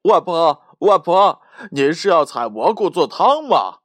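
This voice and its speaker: A polite little bear cub calling out in a raised, lively storybook voice, acted by a male narrator. The recording is close and dry. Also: on the high side, a little slow, dry recording, voice pushed up. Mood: eager.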